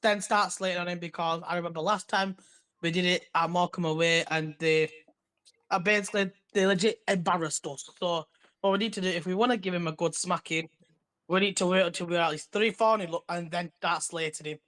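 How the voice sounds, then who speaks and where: A man's voice: sits high, steady tone, fairly quick, fairly bright tone. A young man giving eager, rambling football views with restarts. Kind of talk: casual football chat.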